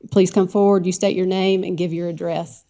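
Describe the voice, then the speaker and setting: Woman, low mellow voice, council chair, polite, procedural. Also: little pitch movement, brisk. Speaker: council chair running the meeting.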